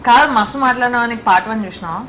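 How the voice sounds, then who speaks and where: A woman from the film team chatting quickly and bantering with the host. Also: fairly high pitch, a bit bright, a little hiss or hum. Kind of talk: casual interview chat.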